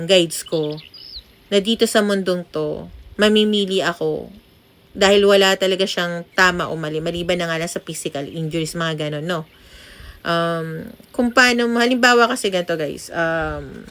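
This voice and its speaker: A woman's voice: medium pitch, fairly bright tone. A young woman giving a casual tarot reading, chatty and full of tag questions, mixing English into her talk. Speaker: tarot reader.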